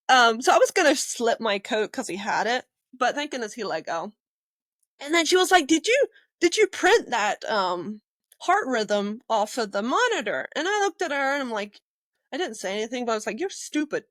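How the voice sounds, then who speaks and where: Lively high-voiced woman telling stories. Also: dry recording. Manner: lively, acts out quotes, laughs often. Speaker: EMT guest. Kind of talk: casual storytelling in a podcast interview.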